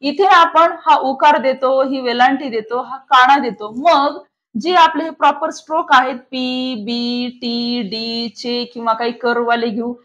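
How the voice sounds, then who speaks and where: A woman's voice: high voice, steady tone, measured pace, a bit bright. A woman teaching a shorthand lesson to a classroom, asking the class questions and answering them herself. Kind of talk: classroom lecture. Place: classroom with online students.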